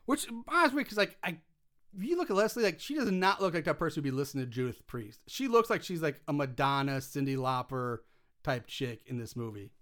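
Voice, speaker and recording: Chatty man with a high bright voice. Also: very animated, fairly quick. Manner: chatty, laughs often, swears casually, many fillers. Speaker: podcast co-host recapping a movie. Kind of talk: casual movie recap chat.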